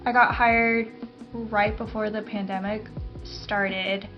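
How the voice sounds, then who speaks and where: A woman co-hosting a casual podcast, talking in a relaxed, chatty way with many fillers. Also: mid-range voice, takes it slowly, muffled recording, over music. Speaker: podcast co-host, garden operations manager. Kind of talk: casual chat.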